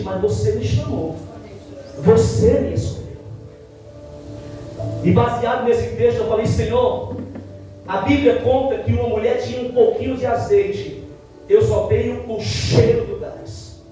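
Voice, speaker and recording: A male pastor from Ceará, preaching a testimony sermon and acting out dialogue with dramatic slowdowns. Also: high voice, dark tone, distant mic. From Ceará, Brazil. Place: church. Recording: echoey church hall, mic from afar.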